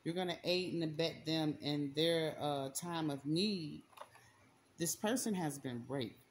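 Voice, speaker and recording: Seated indoors at a table with her hands and the cards in view, a spiritual reader talks directly to the viewer in a casual, slangy, emphatic way, often repeating herself. Her voice sits low and moves a little slowly, with a slight hiss or hum in the recording.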